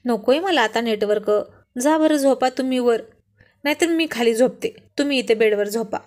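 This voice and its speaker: A woman voicing a shy, affectionate young wife who gently scolds her husband, in a story read aloud. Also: fairly high pitch, moderate pace, close to an everyday voice. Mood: shy scolding. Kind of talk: storybook reading.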